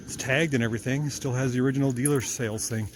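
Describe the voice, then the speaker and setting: A man vlogs while running outdoors, huffing a little as he talks in an easy, enthusiastic way. His voice sits at an ordinary middle pitch. Faint street ambience and a dog can be heard behind him. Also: fairly even intonation, fast talker, noisy background. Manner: chatty, enthusiastic, talking while jogging. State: out of breath. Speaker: vlogger, mechanic. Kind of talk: casual walking vlog.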